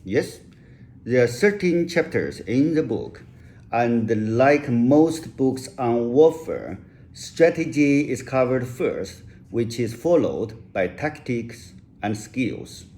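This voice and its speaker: An author, a man whose first language is Chinese, delivers a rehearsed English lecture. His mid-range voice has a dark tone and a sing-song quality, and he speaks slowly and carefully, restarting now and then.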